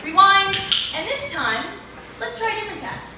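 A woman's voice: extremely high pitch, big pitch swings, normal speed. A woman as a wry playwriting lecturer on stage. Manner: lecturing, dry asides, bursts of laughter. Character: brisk female playwriting lecturer, wry and theatrical. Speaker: stage actor. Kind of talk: live stage comedy sketch. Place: large indoor theater stage. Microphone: distant camera mic. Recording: echoey hall from far off, noisy.

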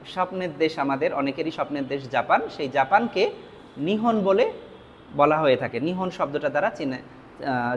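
A man with a Bangladeshi Bengali accent teaching Japanese vocabulary, repeating each word and its meaning slowly. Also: a little high, slight background noise. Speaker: language teacher. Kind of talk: vocabulary lesson.

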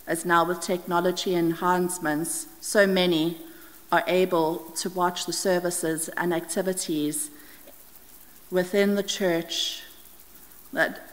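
Slow woman reading church prayers, reverberant hall. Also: fairly low pitch. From Scottish Highlands. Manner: slow, steady reading from notes with small slips. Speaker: prayer leader. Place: church hall with brick wall, indoors. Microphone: stand mic at lectern, wide camera.

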